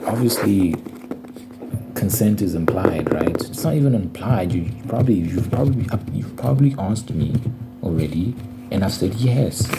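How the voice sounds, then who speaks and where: A man's voice: deep voice, expressive, moderate pace, loud music behind the voice. A young man rambling casually in an ASMR video, talking in an informal, slangy, complaining way. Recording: noisy recording with clicking sounds.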